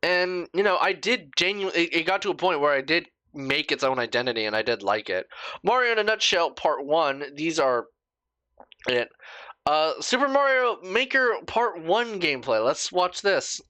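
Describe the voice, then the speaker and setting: A young man talks through old videos in a bright, forward voice with a lively, swooping pitch. He swears without a second thought and laughs at his younger self. The sound is close and dry. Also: moderate pace, no room sound. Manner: swears freely, laughs at himself. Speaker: YouTuber. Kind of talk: reaction commentary.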